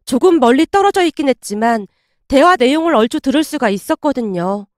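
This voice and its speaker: A woman's voice: high-pitched, lively intonation, brisk, no room sound, studio quality. A woman narrating a dramatic first-person story in a scripted style.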